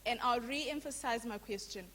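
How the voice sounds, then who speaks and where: A woman's voice: a little high, pushed and bright. A woman from Zimbabwe who works with young people, putting a formal, earnest question from the floor of a public lecture. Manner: formal and earnest, with deliberate emphasis. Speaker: youth worker asking a question.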